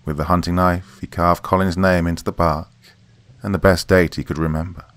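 Man, very deep voice, horror story narration, steady and measured, dry close sound. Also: dry recording.

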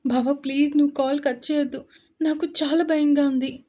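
A woman's voice: high voice, little pitch movement, moderate pace, mellow, close to an everyday voice. A woman voicing a frightened young woman, tearful and pleading. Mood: scared. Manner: pleading, shaky.

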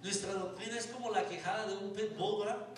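Male pastor, storytelling sermon, swings from hush to shout, high voice, distant mic. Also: fairly even intonation, brisk. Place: church sanctuary. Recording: echoey church hall, distant mic, music.

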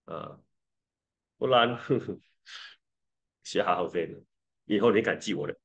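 A man's voice: low-pitched, slow pace, vocal fry, fairly bright tone, highs cut off. A man teaching an English lesson in a playful way, switching between languages and repeating words for learners to copy.

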